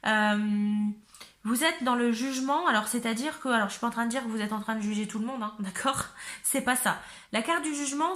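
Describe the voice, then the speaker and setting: A hoarse woman from north-eastern France with a north-eastern French accent, giving a chatty, giggly tarot reading to her viewers, often searching for words. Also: a little high, a bit bright, roomy sound. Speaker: tarot reader. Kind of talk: casual tarot reading to camera.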